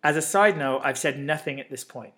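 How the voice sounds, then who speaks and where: A man with a slightly higher voice, co-hosting a relaxed podcast chat. He reads posts aloud and reacts to them with animated swings in pitch. A lingering cough breaks in now and then. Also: a little fast. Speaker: podcast co-host.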